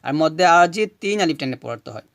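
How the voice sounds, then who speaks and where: A man teaching Quran recitation, chanting verses slowly and explaining each rule patiently, asking questions and answering them himself. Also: a little high, expressive, vocal fry, a bit bright, no room sound, clean studio sound. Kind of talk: recitation lesson.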